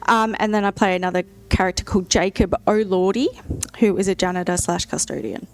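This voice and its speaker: A person in their late thirties with a feminine-sounding voice, chatting casually at a gaming table with giggles and quick asides. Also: female voice, mid-range voice, steady tone, a little mellow. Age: 30s. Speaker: artistic director and player. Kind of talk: casual chat.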